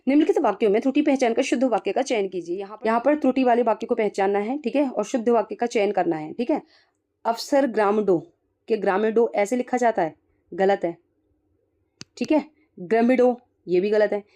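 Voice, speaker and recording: A woman's voice: fairly high pitch, mellow. A woman exam-prep teacher working through test questions one by one, explaining each answer and checking in constantly. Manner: explains quickly, with frequent "ठीक है" check-ins; mixes English terms into explanations. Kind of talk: solving exam questions aloud.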